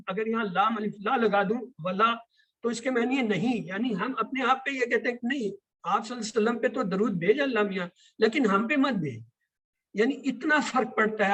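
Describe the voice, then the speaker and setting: A man's voice: high-pitched, fairly bright tone, rough recording. A man teaching an online Quran class, explaining words and asking the class questions. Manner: explains and asks questions, repeats key words.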